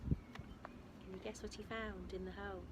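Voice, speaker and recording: An infant school storyteller reads a picture book aloud to young children, expressive and emphatic, chatting with her listeners along the way. Her voice is medium-pitched with a level tone and an unhurried pace. Heavy background noise surrounds her.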